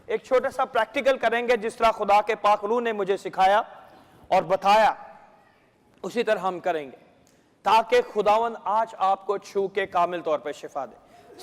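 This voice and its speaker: A man preaches in a high, light voice, his slow sermon phrases ringing out with the long reverb of a church hall. He pauses between phrases, and at times he breaks into fast, rhythmic prayer in tongues. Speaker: pastor.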